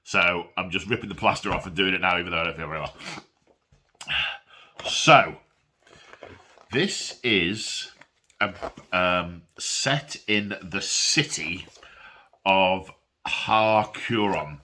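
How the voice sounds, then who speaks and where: A man's voice: low-pitched, slow, long pauses, pushed and bright. A man hosting a casual hobby unboxing vlog while he has a cold and coughs. He rambles and restarts with self-deprecating asides, recorded on a phone. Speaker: miniature wargaming hobby channel host. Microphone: phone camera.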